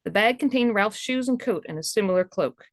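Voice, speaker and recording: A woman's voice: mid-range voice, expressive, a little fast, dry recording, studio quality. A woman reading scripted narration of a historical romance novel as an audiobook narrator.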